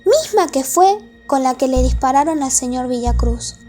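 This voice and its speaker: A woman playing a polite, probing male police detective in a formal, measured radio play style. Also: sits high, animated, a little mellow, soft background music. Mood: confident, accusing. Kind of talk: amateur radio play acting.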